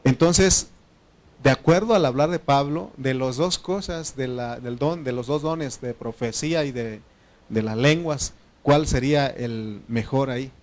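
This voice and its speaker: A man's voice: mid-range voice, a little slow. A man from Oaxaca, Mexico, preaching a sermon in a Mexican Spanish accent, speaking Spanish as a second language, talking conversationally with frequent fillers and self-corrections and putting questions to the congregation. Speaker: pastor.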